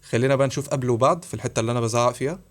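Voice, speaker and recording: A man with an Egyptian Arabic accent narrating a software tutorial, explaining each step briskly and speaking to the viewer. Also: medium pitch. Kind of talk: screen-recorded tutorial voice-over.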